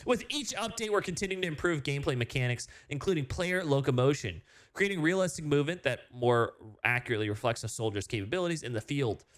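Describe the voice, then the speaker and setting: A man's voice: on the high side, expressive, fast talker, fairly bright tone. A man casually reading game update notes aloud and reacting, with frequent fillers and restarts, sounding sleepy early in the morning. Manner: chatty, many fillers and restarts, reads aloud then reacts. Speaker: gaming video host.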